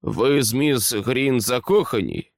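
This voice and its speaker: Man as stern general, menacing, clipped commands, measured, lively intonation. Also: medium pitch, creaky, dry recording, clean studio sound, exaggerated voice. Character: stern middle-aged male general, coldly menacing.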